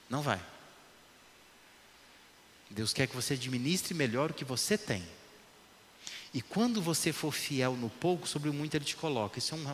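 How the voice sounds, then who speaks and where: A man preaching a sermon emphatically, repeating his points and dropping to hushed lines. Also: mid-range voice. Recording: echoey hall, faint noise.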